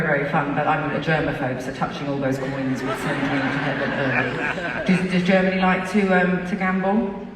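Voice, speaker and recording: A woman's voice: low-pitched, heavy background noise. A woman singer bantering with her audience on stage, chatty, cheeky and often giggling. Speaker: singer performing a concert. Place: large indoor concert venue. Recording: distant echoey arena recording, loud crowd.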